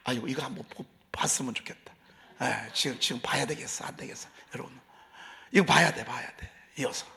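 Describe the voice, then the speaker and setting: A middle-aged male pastor preaching a conversational dawn sermon in a church, asking the congregation questions and dropping from loud emphasis to near whisper. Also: medium pitch, brisk, vocal fry. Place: church sanctuary.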